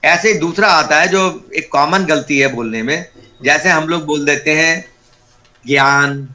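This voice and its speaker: Bright-voiced man teaching pronunciation. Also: on the high side, moderate pace. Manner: patient, explains step by step, repeats key terms. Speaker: Sanskrit teacher. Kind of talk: online class explanation. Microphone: video call.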